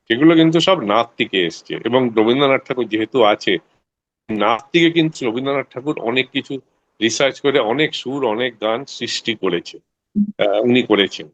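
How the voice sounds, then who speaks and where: A man with an average-pitched voice explains at length in a study group. He hesitates often and fills pauses, and the sound is a little dull and muffled. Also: a bit bright. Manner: rambling, hesitant with frequent fillers. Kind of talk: explanatory discussion.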